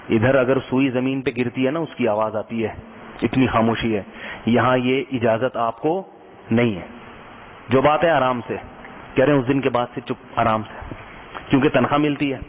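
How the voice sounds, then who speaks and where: A male preacher speaks casually to a gathered crowd, joking with them and keeping them involved through constant questions. His voice sits at an ordinary pitch and comes through thin and phone-like, with a long reverb trailing behind it as if from a big hall. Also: a little hiss or hum. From Pakistan. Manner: humorous, asks the audience questions often. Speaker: Islamic scholar giving a sermon. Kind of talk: conversational sermon.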